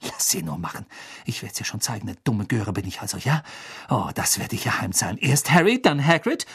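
A man's voice: on the low side, very animated, fairly quick, gravelly, a bit bright, husky, full character voice. A man voicing a clever, indignant teenage girl in an audiobook, fierce and scolding. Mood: determined.

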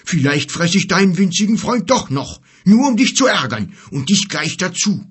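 A man's voice: on the high side, expressive, a little slow, slightly rough, pitched above the performer's own voice. A man voicing a rude male bear who grumbles and insults with indignation. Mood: grumbling, rude.

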